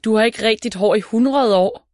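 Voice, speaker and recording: A woman voicing a practical mother who speaks in a brisk, matter-of-fact way. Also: fairly high pitch, darkish tone, no room sound, studio quality, pitched above the performer's own voice, natural voice.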